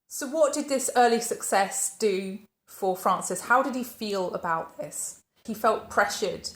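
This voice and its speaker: A woman with a medium-pitched voice, recorded in a roomy space, hosts her own channel and narrates a life story. Her delivery is scripted, and she poses questions and then answers them herself.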